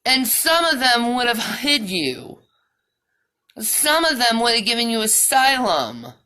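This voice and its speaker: Woman vlogger, profane heated rant, slow delivery, sharp bright tone. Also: fairly high pitch, sing-song, clear, resonant tone. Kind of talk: ranting monologue.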